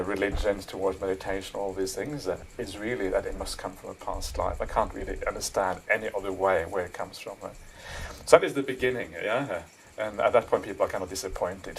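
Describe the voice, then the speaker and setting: A middle-aged man from Norway, a Buddhist monk answering interview questions thoughtfully, with many pauses and fillers. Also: lowish voice, vocal fry, slight background noise, poor audio. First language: Norwegian. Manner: thoughtful, frequent "uh" and "yeah", soft laughs. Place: monastery.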